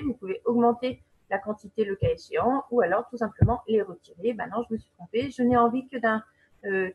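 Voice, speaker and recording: Husky woman walking through a website. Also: fairly high pitch, muffled recording. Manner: chatty, explains step by step with many fillers and check-ins. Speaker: webinar presenter. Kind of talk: screen-share software walkthrough.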